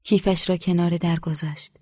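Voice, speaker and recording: A woman audiobook narrator reading a literary novel in a calm, measured, low-key voice. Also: slightly rough, no echo. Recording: dry close studio.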